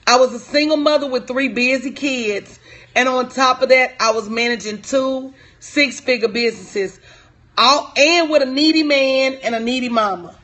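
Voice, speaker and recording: A business coach in her forties talks on a live stream in a high, fairly bright voice, answering viewers' comments. Her manner is casual and direct, emphatic and repetitive.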